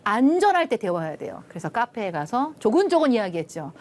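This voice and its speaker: A middle-aged woman gives a television lecture, and her pitch rises and falls a lot as she tells her story. She acts out the quoted lines and then softens to a near hush at the tender parts. A faint studio noise sits behind her voice. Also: sing-song, brisk. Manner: drops to soft hushed tones at tender moments. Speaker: lecturer, love institute director.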